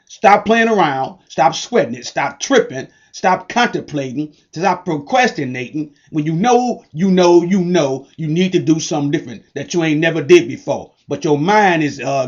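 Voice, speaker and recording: High-voiced man giving a hyped sales pitch. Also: animated, normal speed, few pauses. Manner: preachy, repetitive call-and-response hype in casual slang. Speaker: online business promoter. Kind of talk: energetic sales pitch to camera. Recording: dull lo-fi recording.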